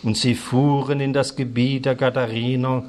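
A man preaching a sermon, emphatic and repetitive, swinging between loud stressed words and hushed asides. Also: mid-range voice, level tone, moderate pace.

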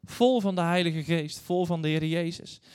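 In a church hall with lengthy reverb, a guest preacher aged thirty to forty-something gives a sermon, earnestly mixing scripture with stories aimed at the congregation. His pitch is fairly high and his tone darkish and clean, at a moderate pace.

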